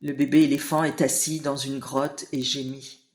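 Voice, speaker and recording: A woman narrating a children's audiobook in a clear storytelling manner. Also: extremely low pitch, level tone, moderate pace, darkish tone.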